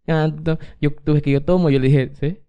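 A man's voice: on the high side, fairly even intonation, quick pace, smooth, muffled recording. A young man co-hosting a podcast, telling a rambling story in casual chat, laughing often and acting out what others said. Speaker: podcast co-host.

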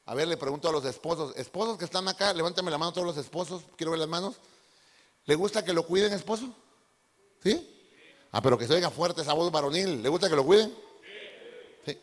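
Un hombre predicando un sermón animado a su congregación, con humor y preguntas directas al público. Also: male voice, on the high side, brisk, long pauses, big-room sound. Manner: playful, addresses the congregation directly. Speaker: pastor. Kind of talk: lively sermon with acted-out impressions. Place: church hall.

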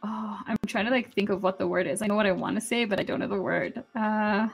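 A woman's voice: mid-range voice, fast, vocal fry, breathy edge, faint music behind, low-quality recording. A young woman from Kenya, a guest on a podcast, talking in a friendly, loose way with easy laughs. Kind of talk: casual interview.

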